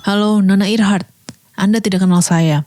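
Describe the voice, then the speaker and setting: A woman's voice: mid-range voice, fairly even intonation, normal speed, noisy background, close to an everyday voice. A woman voicing a mysterious stranger who speaks politely and secretively on the phone.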